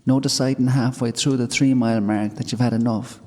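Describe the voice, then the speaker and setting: A man's voice: medium pitch, fairly even intonation, fairly quick, a little mellow, voice pushed up, lightly acted. A man voicing a frightened young farm girl who fiercely protects her horse. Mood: pleading. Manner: pleading, breathless urgency. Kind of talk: storytelling. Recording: long hall reverb.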